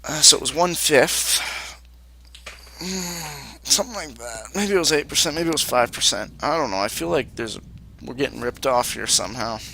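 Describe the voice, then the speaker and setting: A man's voice: medium pitch, animated, moderate pace, gravelly, pushed and bright, slight background noise. A man playing a role-playing game, reading its text aloud and commenting wryly in a casual way. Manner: casual, wry. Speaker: let's play host.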